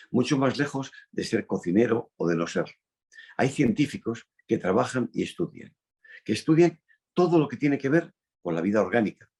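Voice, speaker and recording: A man from Spain hosting an interview, speaking emphatically with drawn-out phrases and falling endings. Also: on the low side, darkish tone, slightly rough. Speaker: host.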